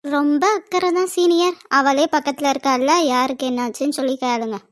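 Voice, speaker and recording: A cheerful young woman in a homemade cartoon, voiced by a woman, playful and teasing. She talks high and quick with an everyday voice. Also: steady tone, dry recording, lightly acted. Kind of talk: amateur cartoon voice acting.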